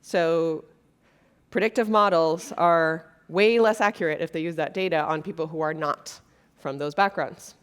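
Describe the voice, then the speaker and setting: This keynote speaker from Brazil has a deep, smooth voice and a measured pace. On a conference stage in front of an audience, she speaks in an earnest, conversational way, filling her talk with frequent fillers.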